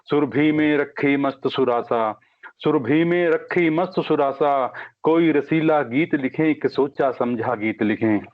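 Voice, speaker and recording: A man reciting his poem slowly at an online poetry gathering. He is heard over a phone or call line and says each couplet twice. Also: a little high. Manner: measured, repeats each couplet. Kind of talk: slow sung-spoken Hindi poetry recitation. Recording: dull lo-fi call audio.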